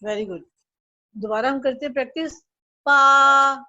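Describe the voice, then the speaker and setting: A woman's voice: on the high side, measured pace, dry recording, muffled recording. A woman teaching an online Chinese lesson, patiently drilling syllables and tones for the student to repeat.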